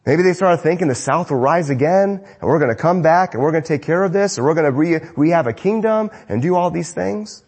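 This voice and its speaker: A male pastor delivers a sermon in a lively, conversational manner. His voice is husky and sits a little high for a man, and his pitch rises and falls widely as he makes his points. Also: fairly quick, few pauses. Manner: animated, conversational preaching.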